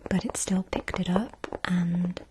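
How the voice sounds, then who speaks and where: A woman speaks in a soft, fully whispered ASMR style, gentle and rambling. The recording has clear background noise with clicks. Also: fairly low pitch, fairly even intonation, slow. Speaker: ASMR video creator.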